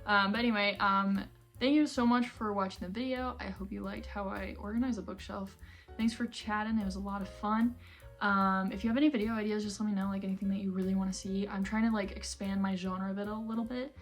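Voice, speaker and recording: A young woman with an American accent chatting casually and ramblingly, in a self-deprecating, giggly way, as a vlogger. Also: medium pitch. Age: young adult. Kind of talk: casual chatty vlog while organizing books. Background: background music.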